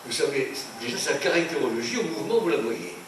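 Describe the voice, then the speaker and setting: An older French painter with a mid-range voice speaks quickly, delivering an indignant, rambling lecture packed with asides and anecdotes to an audience in a conference hall. He's an animated, digressive storyteller. The recording is noisy, with an echoey room and a distant mic.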